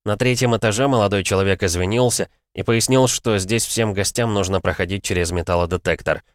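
A man narrating an audiobook in an even, steady reading. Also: lowish voice, fairly quick, no echo, clean studio sound. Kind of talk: scripted narration.

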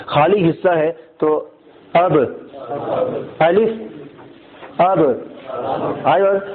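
A high-voiced man leads a classroom lesson. He keeps asking his students questions and repeating his own answers, and he slows right down to sound out each letter. The sound is thin and tinny, as if heard over a phone line. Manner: repeats key points and asks the class questions; sounds out letters slowly and deliberately. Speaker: Quran recitation teacher.

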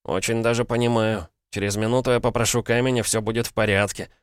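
A man voicing a calm, dryly mocking schoolboy in an audiobook. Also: on the low side, fast talker, clean tone, dry recording, studio quality, voice pushed up, close to an everyday voice. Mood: cool. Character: cool, cheeky schoolboy son. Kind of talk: audiobook character reading.

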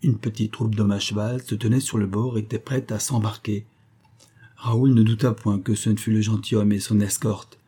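A man narrating a classic novel as an audiobook in a steady, measured storytelling manner. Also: lowish voice, breathy edge.

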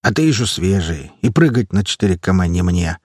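A man voicing a burly bearded comrade who teases roughly and brashly in an audiobook. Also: deep voice, very animated, a little fast, darkish tone, no room sound, clean studio sound. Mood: mocking. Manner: teasing, rough and joking.

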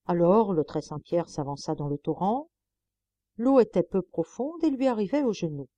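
Woman reading a fairy tale, dry close sound, very animated. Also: mid-range voice, moderate pace, no echo, highs cut off. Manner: expressive, animated. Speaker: audiobook reader. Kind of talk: storybook narration.

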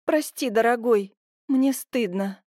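Woman doing a higher-voiced bashful young woman. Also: slow, dark tone, no echo, studio quality. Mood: embarrassed. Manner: bashful and nervous. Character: shy, flustered young woman in love.

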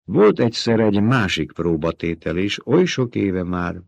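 A man reading a novel aloud as an audiobook narrator, in a measured way. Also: fairly low pitch, big pitch swings, vocal fry, dry recording. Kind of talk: scripted narration.

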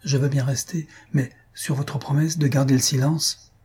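A man reading a tender young woman at a sickbed, hushing and softly scolding her patient in a lifted, husky voice. Her tone stays low and mellow, rounded rather than bright. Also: steady tone, normal speed. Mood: coaxing. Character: young woman nursing her beloved, gentle but firm.

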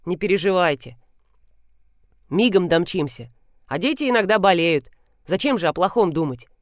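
Woman voicing a cheerful young driver, lower voice, audiobook. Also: expressive, normal speed, dry recording, studio quality, lightly acted. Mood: reassuring. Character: young man, a friendly taxi driver.

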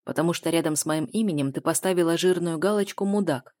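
A woman reads the part of a brooding man, calm and insistent, with a touch of mockery. Her tone is low and mellow. The sound is dry. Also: quick pace, no echo, natural voice. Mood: mocking. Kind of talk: audiobook character voice.

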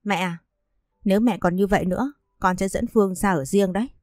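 A woman's voice: mid-range voice, brisk, a little mellow, no room sound, clean studio sound, faint music behind, close to an everyday voice. A woman voicing an earnest young husband. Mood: pleading. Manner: pleading, earnest.

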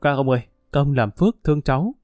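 A man's voice: medium pitch, fast talker, dark tone, no echo, clean studio sound, natural voice. Brief: man reading as a frantic mother, tearful and pleading. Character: desperate young mother begging for her child.

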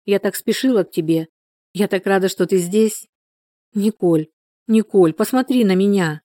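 A woman voicing an excitable pregnant young woman in labor, crying out in a shrill, panicky way. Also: moderate pace, dry recording, clean studio sound, lightly acted. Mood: eager.

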